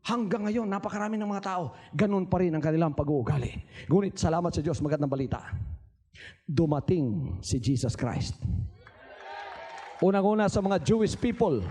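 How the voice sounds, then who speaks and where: A man preaching a sermon in Taglish, repeating words for emphasis, swinging from quiet asides to shouted cries, and firing questions at his congregation. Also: on the high side, normal speed, husky. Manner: asks the crowd rhetorical questions. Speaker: pastor.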